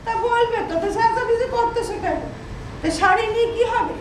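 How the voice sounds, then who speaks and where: A woman's voice: very high voice, brisk, a little hiss or hum. An actress playing a hard-of-hearing mother-in-law who mishears everything and snaps back querulously. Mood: confused. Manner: querulous, confused, sharp-tongued. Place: large auditorium stage. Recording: echoey hall from far off.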